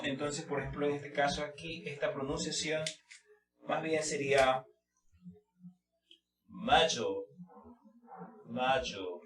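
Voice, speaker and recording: A man teaching English pronunciation in an informal lesson, explaining slowly with many fillers and repeating example words. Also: fairly high pitch, roomy sound, recorded from a distance.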